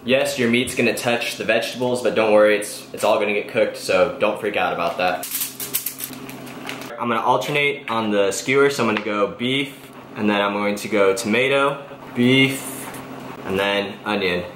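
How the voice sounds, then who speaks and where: Young guy walking thru meal prep in his kitchen, lowish voice, bit of room hum. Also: normal speed, a bit bright. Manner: easygoing step-by-step explaining. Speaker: fitness vlogger. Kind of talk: casual cooking how-to. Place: home kitchen, indoors.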